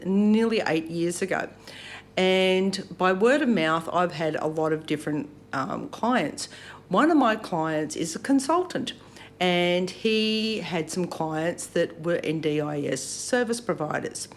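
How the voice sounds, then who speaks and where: A woman's voice: on the low side, slight background noise. A woman in her fifties from the Central Coast of New South Wales, a friendly, chatty guest bookkeeper in a casual interview. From Central Coast of New South Wales, Australia.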